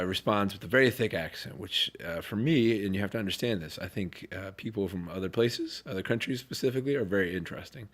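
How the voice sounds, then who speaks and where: A sick man in his thirties tells a self-deprecating story to his viewers in a fairly low voice. He rambles and halts as he goes, sounding a little congested. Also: fairly bright tone. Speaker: vlogger. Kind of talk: casual storytelling to camera.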